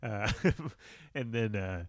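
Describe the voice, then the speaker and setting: A man's voice: on the low side, animated, very slow, dry recording, studio quality. A man telling stand-up gig stories in a casual chat, laughing often and acting out the people he quotes. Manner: loose, laughing storyteller who acts out quoted people. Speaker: stand-up comedian and podcast co-host.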